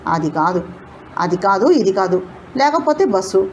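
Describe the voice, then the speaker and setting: A woman's voice: mid-range voice, big pitch swings, a little slow, dull audio, slight background noise. A woman voicing an elderly village man, humble and shrewd, who talks in a pleading, flustered way.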